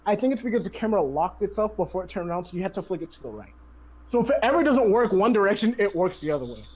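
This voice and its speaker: A chatty host talks over a game run in casual commentary, cutting in with tips and laughing often. Pitch sits mid-range but moves a lot. The delivery stays loose and conversational. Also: darkish tone, breathy edge, muffled recording. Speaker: speedrunner and channel host.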